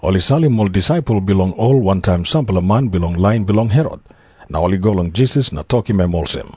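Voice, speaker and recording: A man's voice: low voice, lively intonation, fast, dark tone, slightly rough, no echo, clean studio sound. A man with a Papua New Guinean accent narrating scripture from a script.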